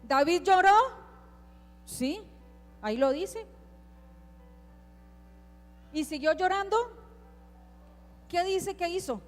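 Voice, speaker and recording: A woman's voice: very high-pitched, expressive, slow pace, pauses often, faint music behind. A woman preaching a sermon, emphatic and putting questions to her congregation.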